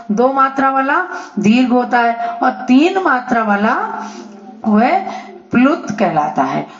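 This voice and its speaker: Slow, deliberate woman teacher in an echoey room. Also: a little high. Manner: slow, deliberate explaining with drawn-out examples. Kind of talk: online grammar lesson. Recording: echoey, dull lo-fi audio.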